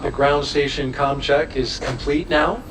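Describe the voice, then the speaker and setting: A man's voice: on the high side, steady tone, a little slow, a bit bright, recorded from a distance, a little hiss or hum. A man hosting a live broadcast with running commentary and handoffs. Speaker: broadcast host. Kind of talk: live launch coverage commentary.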